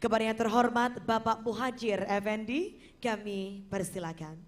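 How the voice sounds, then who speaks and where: A woman emcee introduces the next guest at a ceremony. Her voice sits fairly high, and her delivery is polite and formal. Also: fairly even intonation, normal speed. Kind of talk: formal announcement.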